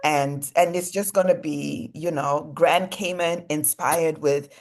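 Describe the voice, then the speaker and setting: A woman's voice: deep voice, takes it slowly. A young adult woman from Congo, a fashion designer guest, talking casually in an interview, filling her speech with "you know" and "like". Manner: relaxed, many "you know" and "like" fillers.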